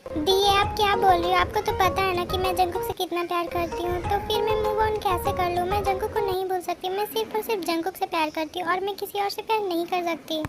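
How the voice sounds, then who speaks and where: A woman's voice: very high voice, steady tone, brisk, over loud music. A woman voicing a heartbroken, lovesick young woman who pleads through tears in a fan audio drama. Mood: lovesick, hurt. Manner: pleading, emotional delivery.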